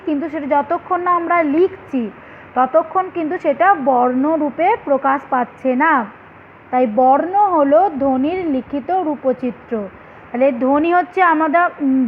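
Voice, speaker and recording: High-voiced woman teaching a class. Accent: Bengali. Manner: explains patiently, repeats points as questions to students. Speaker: primary school teacher. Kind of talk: online class lesson. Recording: dull lo-fi recording with faint noise.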